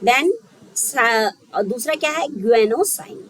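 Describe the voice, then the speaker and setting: A woman's voice: fairly high pitch, lively intonation, normal speed, rough recording. A woman teaching a biology lesson for exam preparation, thinking aloud and checking in often with her students. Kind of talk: exam-prep lecture.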